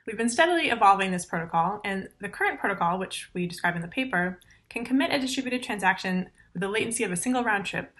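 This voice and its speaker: A woman in her thirties giving a recorded conference talk over slides, explaining technical steps clearly and methodically into a laptop mic. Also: mid-range voice, sharp tone. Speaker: conference presenter.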